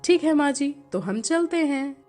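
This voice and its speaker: A woman's voice: high voice, expressive, unhurried, a little mellow, faint music behind. A woman voicing a young, carefree bride who boasts about her style, in a storybook narration. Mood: breezy. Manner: boastful, breezy.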